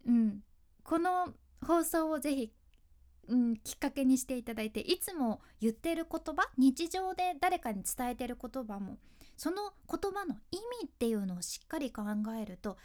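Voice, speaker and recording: Woman, Fukuoka accent, speaking coach, casual solo talk, storytelling, slightly high voice. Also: expressive, normal speed, a little mellow. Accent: Fukuoka Japanese. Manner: chatty storytelling, frequent laughs, acts out quotes. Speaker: freelance announcer and speaking coach.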